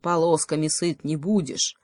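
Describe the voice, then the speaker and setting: A woman voicing grumpy, hungry crows in a fairy tale, speaking gruffly and grumbling. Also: on the low side, expressive, moderate pace, darkish tone, no room sound, clean studio sound.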